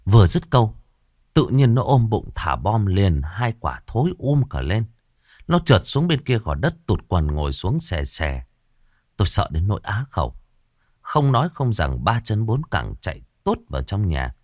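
A man narrating a horror story in a dramatic, expressive way. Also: on the low side, normal speed, no echo, clean studio sound.

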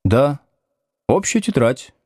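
A man's voice: medium pitch, very animated, takes it slowly, darkish tone, no room sound, clean studio sound, pitched above the performer's own voice. A man reading the part of a young male schoolteacher who speaks in curt, commanding sentences. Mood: dry, stern.

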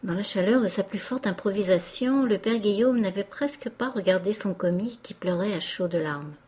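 Female audiobook reader, measured and expressive, warm mellow voice, mid pitch. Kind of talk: literary narration.

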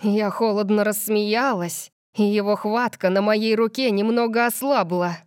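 Casting: female audiobook narrator, first-person story, expressive reads, dry booth sound. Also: mid-range voice, a little slow, clean tone, dry recording.

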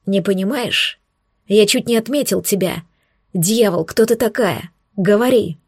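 A woman voicing an angry, domineering male demon lover in a story reading, growling his lines slowly and clipped. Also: high voice, gravelly, no room sound, clean studio sound.

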